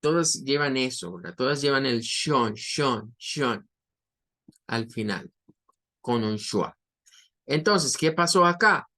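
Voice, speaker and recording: A man teaching English pronunciation in Spanish, repeating each example word slowly and deliberately. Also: medium pitch, lively intonation, pushed and bright. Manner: slow, deliberate, repeats example words drawn out. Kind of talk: online pronunciation lesson.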